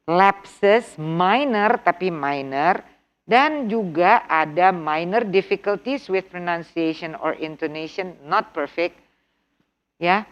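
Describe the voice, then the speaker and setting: The audio is dull, and the speaker's pitch fairly low: a middle-aged woman with an Indonesian accent running an online TOEFL prep workshop. Taking her time, she blends Indonesian with English, hammers home key vocabulary through repetition and keeps firing questions at the class.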